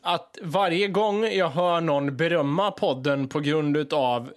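A young man from Värmland whose Värmland Swedish accent is drifting toward Gothenburg, co-hosting a casual comedy podcast in a blunt, sardonic way. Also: fairly high pitch. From Värmland, Sweden. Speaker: podcast co-host.

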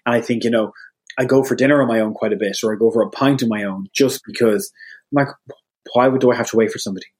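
An Irish man chatting candidly as a podcast guest, open and quick with asides. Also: medium pitch, fairly even intonation, slightly rough. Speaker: guest, radio presenter. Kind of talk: casual podcast chat.

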